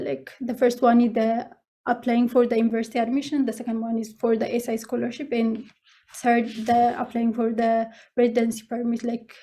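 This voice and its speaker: A young adult scholarship student with an Ethiopian accent presents informally during an online video meeting, her voice a little high and dark in tone. She's hesitant, often going back over her own words.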